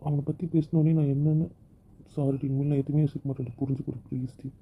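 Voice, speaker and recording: A man voicing the husband in an amateur romantic audio drama, often pleading softly. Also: a little high, little pitch movement, fast, slight background noise. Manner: pleading, soft-spoken apologies. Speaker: audio drama narrator and lead voice. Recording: tinny phone-like audio.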